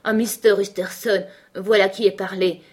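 A woman's voice: fairly low pitch, unhurried, slightly rough. A woman reading a frightened, devoted older male butler in an audiobook, urgent and pleading. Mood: anxious.

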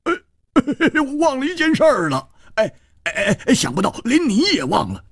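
A man doing an excitable stammering swordsman. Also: normal speed, gravelly, breathy edge, dry recording, studio quality, heavily acted. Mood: excited. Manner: high excited stammering outbursts. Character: excitable stammering male swordsman, brash and impatient.

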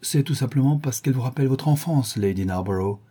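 A man voicing a witty, cynical aristocratic gentleman who trades languid paradoxical quips. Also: medium pitch, lively intonation, quick pace, breathy edge, voice pushed up. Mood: wry.

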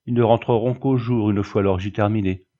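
A man's voice: lowish voice, fairly even intonation, a little fast, lo-fi sound, natural voice. A man voicing a haggard, bitter young man who talks back with defiance and mockery. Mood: defiant. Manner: defiant, mocking.

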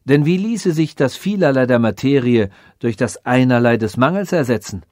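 A man's voice: medium pitch, expressive, normal speed, darkish tone, dry recording, studio quality, natural voice. A man voicing a cruel robot king who mocks his sage and orders executions, in an audiobook reading. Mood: scornful. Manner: mocking, scornful and commanding.

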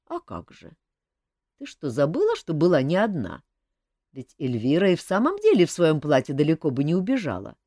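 A woman's voice: deep voice, huge pitch swings, moderate pace, mellow, dry recording, studio quality, exaggerated voice. A woman voicing a wry, weary king. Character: wry, weary middle-aged male king. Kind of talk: audiobook character voice.

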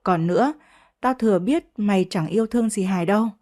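A woman's voice: medium pitch, brisk, warm tone, lightly acted. A woman voicing a proud young wife who speaks to her rival in a cold, taunting way. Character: proud, sharp-tongued young wife, defiant.

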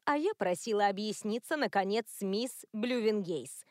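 Женщина читает за ворчливую пожилую секретаршу, властная, заботливая, насмешливая, сухая запись. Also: female voice, mid-range voice, expressive, normal speed, no room sound, studio quality, natural voice. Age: older. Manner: scolding, teasing. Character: older female secretary, grumbling, bossy and caring.

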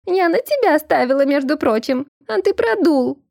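A woman voicing a small, spiteful goddess with a squeaky, thin voice, drawling nastily in an audiobook. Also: animated, moderate pace, vocal fry, darkish tone, dry recording, clean studio sound. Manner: nasty, drawling, teasing. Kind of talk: audiobook character voice.

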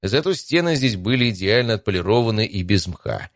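A man reading an adventure audiobook in calm, even first-person narration. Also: lowish voice, fairly quick, no echo, clean studio sound.

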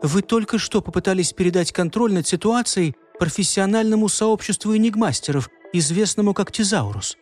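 Guy doing a calm young woman expert, high and careful, lectures a bit. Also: faint music behind. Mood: instructive. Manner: measured, instructive.

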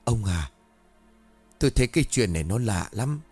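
A man voicing an anxious, sharp-tongued old village woman in her seventies who calls out shrilly and scolds. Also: fairly low pitch, sing-song, moderate pace, husky, no room sound, soft background music. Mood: worried.

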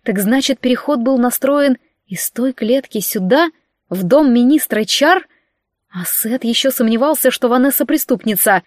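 A woman's voice: a little high, normal speed, no room sound, studio quality. Woman narrating a fantasy audiobook. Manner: lively, dramatic reading with voiced characters.

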